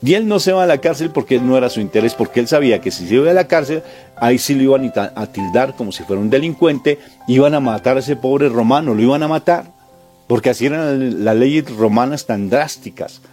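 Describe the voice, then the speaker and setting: Male preacher, mid-pitched and mellow, driving a sermon with repeated questions over soft music. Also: lively intonation, a little fast. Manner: emphatic, repetitive rhetorical questions.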